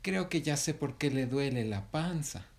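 Gentle, patient mother monkey, voiced by a man. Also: medium pitch, expressive, a little slow, vocal fry, voice pushed up. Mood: reassuring. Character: calm, kindly mother monkey who knows best.

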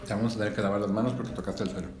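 A man telling an improvised children's story at home, switching into high voices for the little characters. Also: steady tone, very fast, roomy sound, a crowd in the background. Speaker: father telling a bedtime-style story.

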